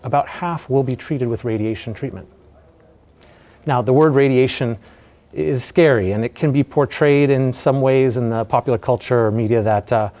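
A man's voice: medium pitch, a little mellow. American man lecturing through a face mask, slightly muffled. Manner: measured, explanatory. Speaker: radiation oncologist giving a lecture. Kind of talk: educational medical presentation. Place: indoor presentation room. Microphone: lapel mic.

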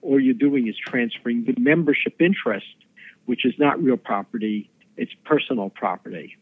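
A man, an attorney guest on a podcast, explaining legal matters quickly with many fillers and restarts. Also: mid-range voice, slightly rough, no echo. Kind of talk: podcast interview explaining law. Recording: tinny phone-like line.

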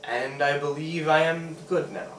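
In a small room at home, a young man with a slightly high, steady, somewhat bright voice explains a science demonstration step by step at a measured pace. Earnest, he keeps restarting sentences and clearing his throat, and the far-off camera mic catches roomy echo, hiss and faint background music.

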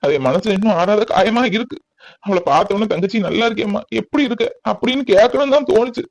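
A man's voice: high voice, fast, dry recording. A man voicing a stern elder brother in a cartoon, firmly refusing to forgive his sister yet. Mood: resentful. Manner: firm, wounded, resolute. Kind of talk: cartoon voice acting.

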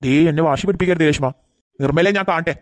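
Woman voicing cranky old cartoon grandpa, fast scolding delivery, lowish pitch. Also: no echo, studio quality, natural voice. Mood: angry. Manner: scolding, quick-tempered. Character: grumpy old grandfather who hates dogs. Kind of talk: cartoon voice acting.

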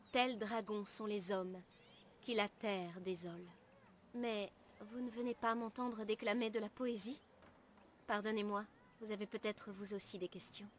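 A woman playing an earnest, gentle young elf apprentice in a video game, speaking formally and in measured, literary phrases. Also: a little high, slight background noise, lightly acted. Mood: solemn, wistful, then apologetic, modest. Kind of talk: video game dialogue acting. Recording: music behind the voice.

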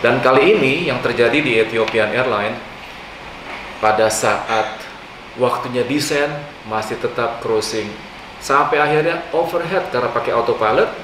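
An older man, a channel host, explaining aviation incidents to the camera in an animated way, often dropping English aviation terms into his talk. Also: medium pitch, moderate pace. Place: living room on a leather sofa, indoors. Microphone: far camera mic. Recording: echoey room, distant mic, hum.

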